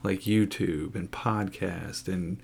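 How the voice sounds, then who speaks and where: Guy about forty, podcast chat, low gravelly voice, bit of hum behind. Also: steady tone, takes it slowly, darkish tone. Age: 40s. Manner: joking, teasing. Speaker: podcast co-host.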